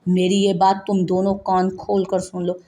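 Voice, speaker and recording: A woman voicing a stern elder brother of the family who speaks gravely and with authority, in a narrated audio novel. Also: on the low side, completely flat delivery, moderate pace, warm tone, natural voice. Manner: grave, commanding.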